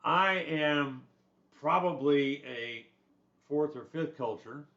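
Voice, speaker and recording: Slow, bright and forceful, a slightly high-pitched older man teaches a textbook chapter in a rambling, conversational style full of restarts and asides. He's a retired soldier born in Germany and raised in the US, captured on a slightly dull lo-fi recording.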